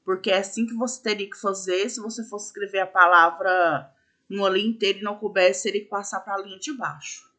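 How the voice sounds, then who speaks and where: A woman's voice: mid-range voice, fairly even intonation, brisk, sharp tone. A woman teacher patiently explaining a school lesson step by step, with frequent fillers. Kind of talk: recorded classroom lesson.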